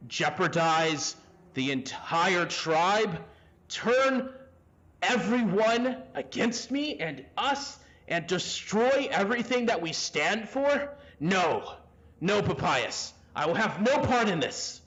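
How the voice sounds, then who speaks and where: A man's voice: high voice, big pitch swings, slow pace, dull audio, full character voice. A man doing a defiant old chief. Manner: defiant, forceful.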